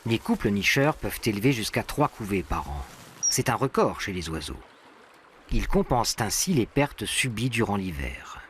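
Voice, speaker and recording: A man's voice: fairly low pitch, very animated, normal speed, a bit bright, slight background noise. A man reading scripted narration for a nature documentary. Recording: animal and bird sounds behind. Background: birdsong and natural ambience.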